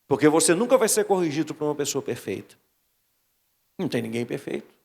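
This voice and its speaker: A Brazilian man preaches a wedding sermon in a high, lively voice that swings up and down as he exhorts. He mimics whiny excuses now and then. The sound rings with the long reverb of a big church hall. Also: fast talker, gravelly. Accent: Brazilian Portuguese. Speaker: pastor officiating a wedding.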